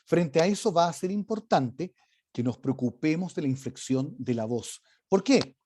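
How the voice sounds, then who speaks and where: Lively, emphatic man lecturing. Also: fairly high pitch, normal speed. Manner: emphatic, varies his intonation. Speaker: leadership course instructor. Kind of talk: online lecture.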